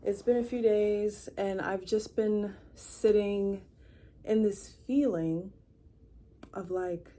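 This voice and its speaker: A woman's voice: mid-range voice, steady tone, takes it slowly, warm tone. A 23-year-old woman rambling casually to camera in her room, chatty, with lots of fillers and restarts. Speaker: vlogger. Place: her own room indoors.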